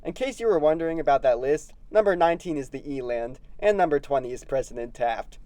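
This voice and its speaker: A man's voice: fairly high pitch, animated, fairly quick, warm tone, no room sound. A young man hosting a puppet animal news show in a loopy, goofy, punning style. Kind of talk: comedic animal news presenting.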